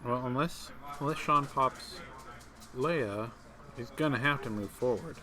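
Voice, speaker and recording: A man's voice: mid-range voice, measured pace, crowd noise. Casual male tabletop game commentator. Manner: conversational, hesitant with fillers and restarts. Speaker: tournament commentator.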